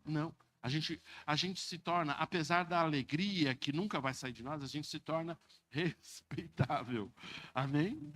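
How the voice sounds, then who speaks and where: A man in his fifties with a Brazilian Portuguese accent, preaching a sermon as pastor, calling out "Amém?" and mimicking people in funny voices. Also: a little high. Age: 50s. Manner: lively preaching, mocking voices, repeated "Amém?".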